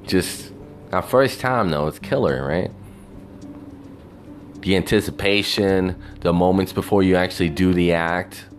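A man with a low voice rambles reflectively on his own, a little slowly and with frequent pauses. He sounds wistful, saying "you know" a lot, with faint music and slight background noise behind him.

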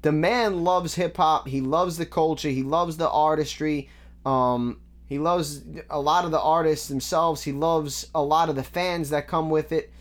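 A man's voice: on the high side, steady tone, measured pace. A man with a slightly raised voice talks through rap lyrics in a casual, analytical way. He works methodically, bar by bar, and often stops on an um or restarts a phrase. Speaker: music reaction host.

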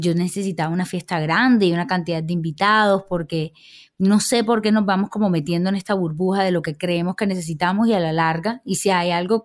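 A woman's voice: medium pitch, darkish tone. A young woman hosting a casual talk show, reflecting before she invites her guest to talk. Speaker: host. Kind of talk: casual chat.

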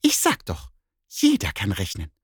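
A man voicing a cheeky, boastful female neighbor cat in a children's story, with a high, snippy manner. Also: wildly swooping pitch, unhurried, husky, no echo, studio quality, exaggerated voice. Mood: coaxing.

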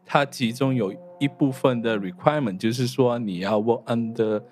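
A man's voice: mid-range voice, moderate pace, darkish tone. A man hosting a podcast, asking questions in a casual conversational way and mixing English words into his speech. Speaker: podcast host. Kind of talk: casual interviewing.

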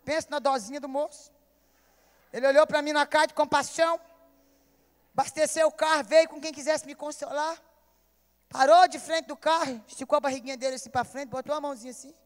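A woman's voice: sits high, steady tone, a little fast. A woman pastor with a Brazilian Portuguese accent preaching a sermon, telling an emotional story and calling out directly to her listeners. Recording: echoey hall reverb.

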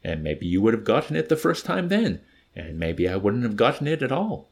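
A man's voice: lowish voice, sing-song, brisk, gravelly, slightly rough, pitched above the performer's own voice, heavily acted. A man reading aloud and voicing a nervous young male bombardier, timid but protesting. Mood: defensive.

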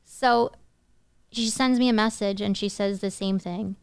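A woman in her thirties, a podcast guest, telling a personal story in a lively, quick way. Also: mid-range voice, vocal fry, clean tone, dry recording, studio quality. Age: 30s. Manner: animated, quick-talking, breaks into laughs. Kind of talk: casual storytelling.

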